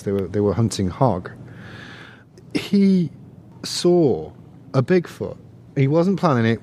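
A man's voice: medium pitch, a little mellow, slight background noise. A man, a guest on an interview show, telling long stories with many restarts and easy laughs. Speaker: guest, researcher. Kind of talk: casual interview chat.

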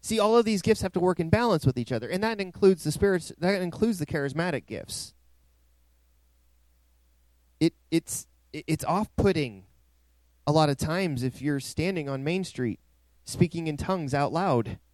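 A man's voice: on the high side, lively intonation, normal speed, a little mellow, dry recording. A male pastor preaching a sermon in a dry, close recording, with emphatic rising swells.

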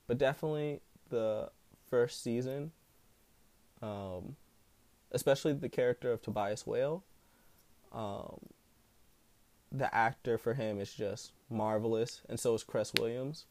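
A man speaks casually into a solo podcast in a smooth, mid-pitched voice. His talk rambles along loosely, peppered with slang and profanity. The sound is dry, with no room echo. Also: a little slow, pauses often, a little mellow. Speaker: podcast host.

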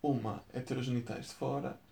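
A man's voice: medium pitch, fairly even intonation, brisk, gravelly. A young man with a European Portuguese accent, joining in a casual debate among friends. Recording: echoey room, chatter around.

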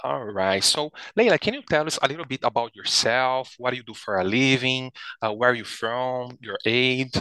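A man's voice: mid-range voice, expressive, normal speed, pushed and bright, clean tone, no room sound. A man, a native Portuguese speaker, hosting an interview in a friendly manner and often repeating words as he forms his questions. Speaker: host, English teacher.

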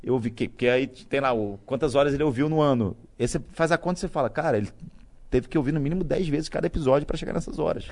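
A Brazilian man talks quickly in a loose podcast conversation. His voice sits at a middle pitch. He rambles and tells stories in an animated, slangy way. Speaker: comedian and podcast guest. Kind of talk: casual podcast chat.

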